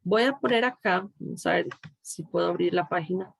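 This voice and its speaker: A woman's voice: lowish voice, gravelly, husky, no room sound. A middle-aged woman teacher with a Costa Rican Spanish accent, patiently explaining step by step in a recorded tutorial. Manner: slow, patient, explaining step by step with checks like "¿de acuerdo?".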